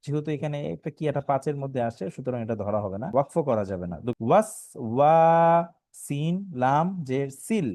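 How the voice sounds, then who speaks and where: A man teaching Quran reading online, spelling Arabic syllables one by one and then reciting the words in a drawn-out, melodic way, with a Bangladeshi Bengali accent. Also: medium pitch, expressive, mellow, dry recording.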